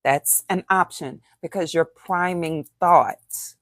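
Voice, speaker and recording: A woman's voice: on the low side, slow pace, dry recording, studio quality. A middle-aged woman teaching in a conversational way, acting out example phrases and asking rhetorical questions. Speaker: author and coach.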